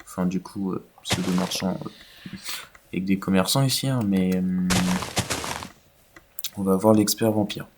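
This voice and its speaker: A man with a low, fairly flat voice talks through his gameplay in a relaxed, rambling way, full of fillers. A faint hiss sits under the recording. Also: measured pace, pauses often. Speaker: gaming YouTuber. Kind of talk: casual gameplay commentary.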